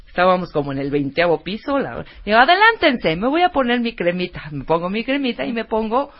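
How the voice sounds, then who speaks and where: A woman with a Mexican Spanish accent, co-hosting and telling a story in casual chat, animated and laughing, acting out voices. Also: medium pitch, fast talker, dull audio. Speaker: co-host.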